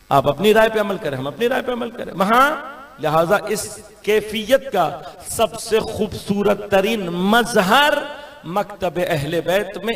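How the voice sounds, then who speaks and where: Gravelly high-voiced preacher in a reverberant hall. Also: male voice, a bit bright. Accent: Pakistani Urdu. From Pakistan. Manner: rhetorical orator with sudden rises and falls. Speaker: Shia cleric giving a majlis. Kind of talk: sermon. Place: large imambargah hall.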